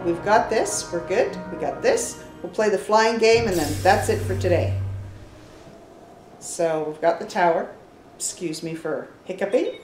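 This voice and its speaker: A woman's voice: medium pitch, lively intonation, moderate pace, few pauses, darkish tone, soft background music. An older woman hosting a gaming channel, giving chatty step-by-step commentary as she plays. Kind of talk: gameplay commentary. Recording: roomy echo.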